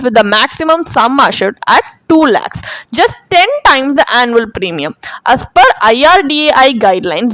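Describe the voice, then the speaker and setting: A woman presenting a scripted financial product review in a measured, explanatory way. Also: high-pitched, fairly bright tone, no room sound, low-quality recording. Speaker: channel presenter.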